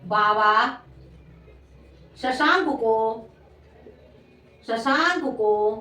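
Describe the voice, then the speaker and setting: A woman teacher giving a slow, repetitive classroom lesson, dictating sentences and calling her students "beta". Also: fairly high pitch, pushed and bright. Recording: echoey room, voice from far off.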